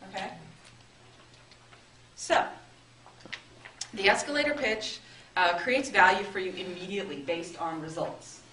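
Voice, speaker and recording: A woman's voice: medium pitch, measured pace, pauses often, fairly bright tone. A woman leads a workshop in a chatty, upbeat way, often turning questions to the room. She sounds far from the mic. The room is echoey, and noise runs under her voice. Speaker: marketing workshop presenter. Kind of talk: interactive workshop talk. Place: meeting room with an audience.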